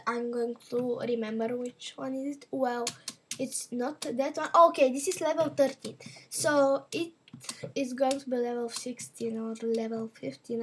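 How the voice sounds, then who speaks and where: As she plays a game, a gaming channel host rambles casually to her audience. Her voice is a little high, and there's some faint hiss or hum.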